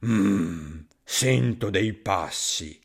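A man voicing a big, gruff forest monster in a storybook reading, slow and rumbling. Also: animated, exaggerated voice.

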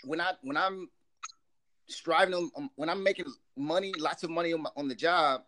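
A man with a bright, somewhat high voice talking in a casual conversation. He stops and restarts often as he looks for his words. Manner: halting, many restarts.

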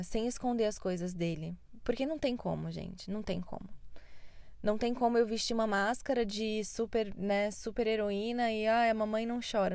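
A woman's voice: fairly high pitch, a little mellow, dry recording. A woman in her thirties hosting a spiritual podcast, talking earnestly and from the heart to her listeners. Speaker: podcast host, spiritual guide. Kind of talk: reflective solo podcast monologue.

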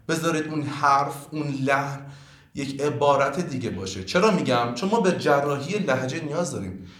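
A man's voice: fairly high pitch, fairly bright tone, roomy sound. A man from Iran who teaches languages, giving earnest, lecturing answers in a podcast interview, with many fillers.

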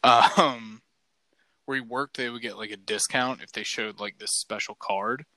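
A man with a bright, crisp voice chatting as a podcast co-host. He rambles easily and leans on "like" as filler. The sound is dry and close. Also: medium pitch, unhurried, dry recording, low-quality recording. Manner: relaxed, rambling, heavy use of "like". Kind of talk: casual chat.

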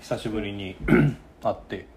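A man's voice: on the low side, level tone, unhurried, a crowd in the background. A middle-aged man with a Kansai accent, chatting informally as a podcast host. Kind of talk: casual podcast chat. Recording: faint background noise.

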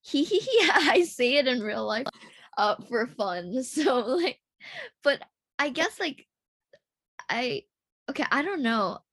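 A woman's voice: on the high side, animated, takes it slowly, pauses often, a bit bright. A young woman chatting casually over a video call, giggly and hesitant with lots of fillers. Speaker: co-host.

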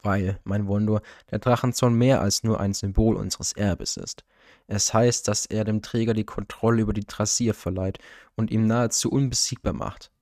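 A man's voice: on the low side, steady tone, moderate pace, darkish tone, no echo, clean studio sound, lightly acted. A man reading the part of a proud but nervous male guardian of his people in an audiobook story, firm yet uneasy and respectful. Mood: earnest, uneasy.

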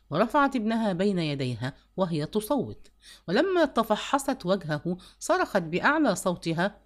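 A woman narrating a novel as an audiobook, measured and expressive. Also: mid-range voice.

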